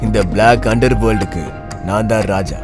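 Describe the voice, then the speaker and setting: Actor doing a menacing underworld boss, low voice, taunting, dubbed film, music behind. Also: male voice, moderate pace, lightly acted. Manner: taunting, quizzing. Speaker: gangster boss.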